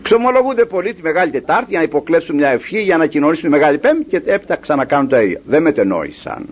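A high-voiced man preaching with a lively, swooping delivery. He acts out little dialogues along the way. The recording is dull and lo-fi. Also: slightly rough. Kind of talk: sermon.

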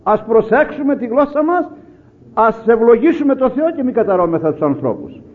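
A man with a very high voice gives an evening sermon, told as a story with retold dialogue. He keeps slipping "he says" between the quoted lines. The sound is thin and narrow, like a phone line. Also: animated, breathy edge. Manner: retells dialogue, often repeating "he says". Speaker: preacher.

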